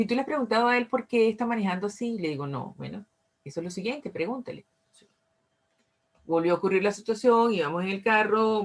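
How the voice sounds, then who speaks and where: A Venezuelan woman in her fifties with a Venezuelan accent, speaking casually to an online recovery group and acting out bits of dialogue. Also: mid-range voice. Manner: conversational, acts out dialogue with frequent self-corrections. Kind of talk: informal talk sharing a personal story.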